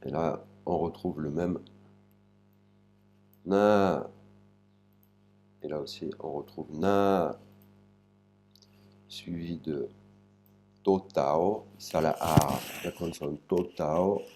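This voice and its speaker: Deep slow man teaching sounds. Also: darkish tone, husky. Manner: slow, spells out sounds one by one. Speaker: Thai language teacher. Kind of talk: spoken lesson.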